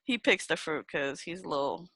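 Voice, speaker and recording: Lively laughing woman, podcast co-host. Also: sits low, normal speed, no echo. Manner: laughs often, animated storytelling. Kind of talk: casual chat.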